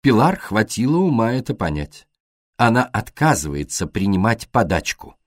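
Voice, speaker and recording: A man voicing a pompous, smug middle-aged English gentleman in an audiobook. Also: lowish voice, very animated, normal speed, no echo, studio quality.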